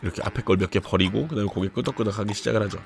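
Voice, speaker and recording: A man's voice: on the low side, very fast, gravelly, faint music behind. A man in his thirties, a dance trainer, chatting casually to viewers as he explains dance clips step by step. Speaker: dance trainer reviewing a show. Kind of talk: casual video commentary.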